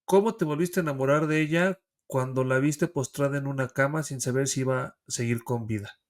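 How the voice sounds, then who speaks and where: A man hosting an interview, gently asking his guest a question. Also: medium pitch, a little fast. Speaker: interview host.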